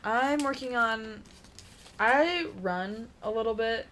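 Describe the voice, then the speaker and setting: A woman's voice: a little high, slow pace, a bit bright, a little hiss or hum. A young woman co-hosting a casual vlog, chatting with a friend while crafting and telling stories packed with "like" and little fillers. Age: young adult. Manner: chatty storyteller, many "like"s and fillers. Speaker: vlog co-host. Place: indoors at a craft table.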